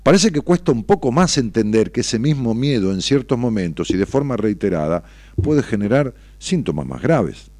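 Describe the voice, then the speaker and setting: A man with a Rioplatense Spanish accent, a psychologist hosting a late-night radio show, talking in an animated way with rhetorical questions and fillers. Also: medium pitch, normal speed, dry recording.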